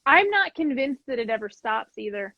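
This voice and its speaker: Woman host in her thirties, chatty, bright-pitched, dry and slightly dull recording. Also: very animated, normal speed, no room sound. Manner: chatty, acts out storybook lines when reading. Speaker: podcast host. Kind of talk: casual interview chat.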